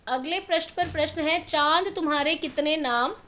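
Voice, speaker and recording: A woman's voice: sits high, pushed and bright, slight background noise. A woman teacher patiently explaining a textbook lesson to young children step by step. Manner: patient, step-by-step, repeats answers slowly. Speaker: primary school teacher.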